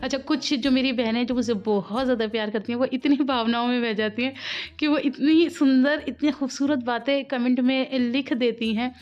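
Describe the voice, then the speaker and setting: Woman, sore throat, chatty cooking vlog voice-over, laughs often, rambling, slightly high voice, muffled lo-fi sound. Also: steady tone, brisk, darkish tone. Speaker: home cooking vlogger. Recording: dull lo-fi voice-over.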